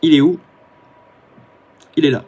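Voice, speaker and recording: A man with a slightly higher voice talks his way through a mobile strategy game, chatty and hesitant, filling pauses as he thinks aloud. Faint noise sits behind his voice. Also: steady tone, a little mellow, highs cut off. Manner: chatty, hesitant, many "euh" fillers. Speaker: gaming YouTuber. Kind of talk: casual gameplay commentary.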